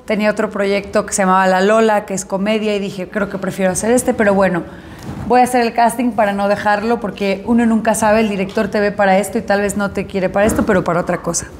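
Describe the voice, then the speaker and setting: Woman, actress, interview storytelling, animated, acts out dialogue, faint background noise. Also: medium pitch, fast talker.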